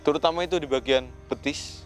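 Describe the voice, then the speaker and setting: Earnest man on a ghost hunt, slightly high. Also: fairly quick, soft background music. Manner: earnest, speaks to spirits and viewers, keeps saying "Mas". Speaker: ghost-hunting vlogger. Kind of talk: paranormal investigation vlog.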